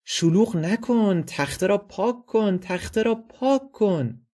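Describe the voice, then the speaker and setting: A man voicing a hurried male school principal, pleading and bossy in a dramatized play reading. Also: high voice, expressive, mellow, pitched above the performer's own voice. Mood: frantic.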